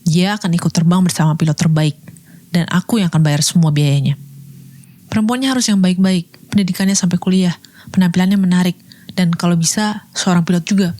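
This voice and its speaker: A woman's voice: lowish voice, fairly quick, warm tone, dry recording, natural voice. A woman voicing a wealthy, ambitious middle-aged woman who gives orders in a commanding, matter-of-fact way.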